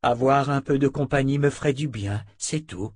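A man voicing an older woman, a calm and measured captive abbess, in an audiobook, in a soft and low manner. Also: slightly rough, no echo, clean studio sound, natural voice. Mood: wry. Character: older captive abbess, gentle yet firm.

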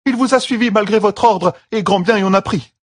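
A man reading an audiobook and voicing an excited, loyal servant woman who reports news eagerly. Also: high-pitched, brisk, voice pushed up. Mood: explaining.

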